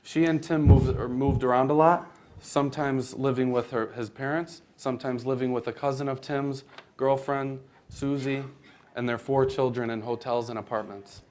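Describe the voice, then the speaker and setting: A young American man reads scripted narration for a readers theater performance, formal in delivery with occasional stumbles over the text. His mid-range voice is darkish, with fairly even intonation at normal speed.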